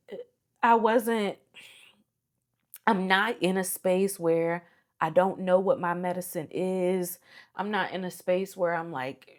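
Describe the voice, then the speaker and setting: A woman vlogging from her hotel room, teary from crying, speaking slowly and heartfelt with many fillers into a close mic. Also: medium pitch. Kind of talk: emotional casual vlog reflection. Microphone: small mic held close.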